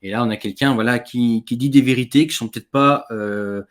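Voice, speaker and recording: A man's voice: medium pitch, brisk. A man hosting a casual interview, talking in an informal, colloquial way.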